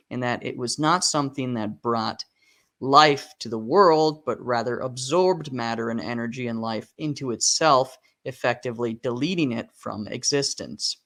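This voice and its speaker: A man narrating a video in a casual scripted style, chatty, with joking asides, and a voice that is going a little hoarse. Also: mid-range voice, a bit bright. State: losing his voice. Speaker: YouTube narrator.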